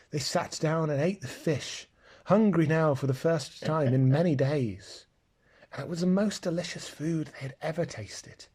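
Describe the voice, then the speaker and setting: A man reading a children's storybook aloud, slow and expressive, with a soft-spoken delivery. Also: fairly high pitch, breathy edge. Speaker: narrator.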